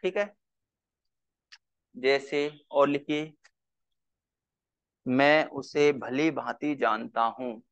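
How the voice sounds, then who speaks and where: A male teacher giving a grammar lesson, slowly repeating phrases so students can write them down. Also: mid-range voice, clean tone, highs cut off. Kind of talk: classroom grammar lesson, dictating.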